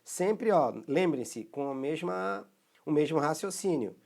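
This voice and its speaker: A man's voice: on the high side, animated, measured pace, vocal fry, a little mellow. A man with a Brazilian Portuguese accent teaching a recorded rhythm lesson, explaining patiently and often checking that students follow. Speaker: music teacher.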